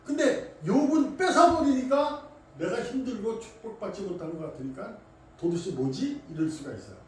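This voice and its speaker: A man preaching a conversational sermon as pastor, animated and chatty. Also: very high-pitched, brisk. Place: church sanctuary. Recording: echoey hall, distant mic, faint noise.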